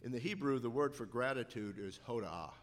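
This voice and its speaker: Measured preacher in an echoing hall. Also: male voice, mid-range voice, lively intonation. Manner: measured, storytelling with scripture reading. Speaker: pastor. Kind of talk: sermon. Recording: reverberant hall.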